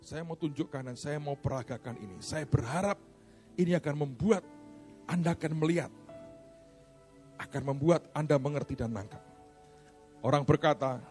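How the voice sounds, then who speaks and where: A man preaching a sermon in a church, swinging from loud, urgent preaching to hushed storytelling. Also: fairly high pitch. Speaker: pastor. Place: church hall with congregation.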